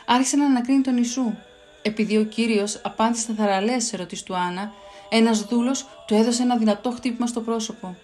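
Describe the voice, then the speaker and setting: A woman's voice: on the high side, darkish tone. Woman reading a children's Bible story.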